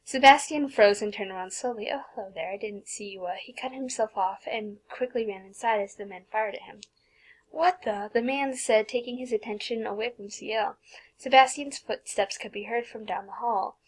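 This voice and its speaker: A young woman with a fairly high voice reads a fan fiction aloud in a casual, unpolished way. She trips over words and restarts lines, and now and then stops to drop a blunt, swearing aside. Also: moderate pace, poor audio. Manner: stumbles and restarts, breaks off to comment and swear. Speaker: fanfic reader.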